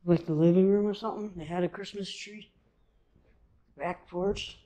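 Mellow-voiced man exploring abandoned houses. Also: high voice, normal speed, rough recording. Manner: relaxed, offhand comments while exploring. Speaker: urban explorer vlogger. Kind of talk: casual walkthrough narration. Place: outdoors and inside empty abandoned houses.

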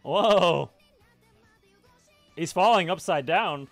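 A young man casually reacting to and discussing an anime episode at home, laughing often and breaking into loud exclamations. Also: high voice, drawn-out words, vocal fry, dry recording, faint music behind. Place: home room with a red-walled display shelf, indoors.

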